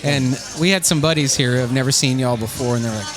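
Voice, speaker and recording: A man with a mid-range voice talks fast as he interviews a band, keen and rambling, his speech packed with fillers. The casual chat takes place in a noisy bar with live music and a crowd.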